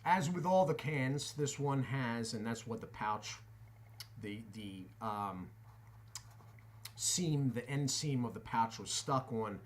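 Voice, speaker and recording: A man giving a casual product review in deliberate, halting short phrases, talking with tobacco pouches tucked in his lip. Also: mid-range voice, animated.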